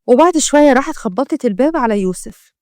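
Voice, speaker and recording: Fast-talking Egyptian woman storyteller. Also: high voice, expressive, darkish tone, dry recording, clean studio sound. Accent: Egyptian Arabic. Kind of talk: scripted story narration.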